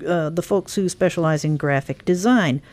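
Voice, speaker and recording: A woman hosting a radio interview, briskly running through a list of upcoming events in a promotional manner. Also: fairly low pitch, darkish tone. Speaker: radio show host. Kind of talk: scripted-sounding radio interview.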